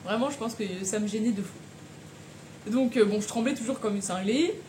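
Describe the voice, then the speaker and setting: A woman's voice: a little high, moderate pace, a little hiss or hum. Laughing young woman telling a story. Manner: animated, laughs often, slangy. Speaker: vlogger. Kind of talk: casual storytelling.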